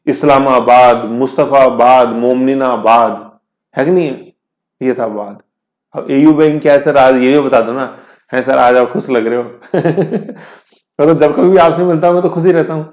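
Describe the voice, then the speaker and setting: A man's voice: mid-range voice, a little mellow, echoey room. A male teacher giving a chatty exam-prep history lesson, often asking rhetorical questions. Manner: chatty, asks students rhetorical questions, jokes with class.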